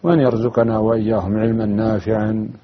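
A male religious scholar answering a host's welcome in a measured, prayerful way. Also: fairly low pitch, little pitch movement. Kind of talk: formal religious speech. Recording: dull muffled broadcast audio.

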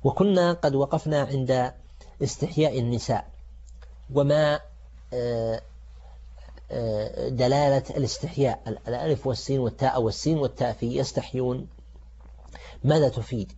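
A man teaching Quranic grammar in formal Standard Arabic as a programme's religious teacher, in a halting way that repeats words as he explains. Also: mid-range voice, mellow. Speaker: religious teacher presenting a show. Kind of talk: Quranic grammar lesson, semi-improvised lecture. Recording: dull, muffled lo-fi audio.

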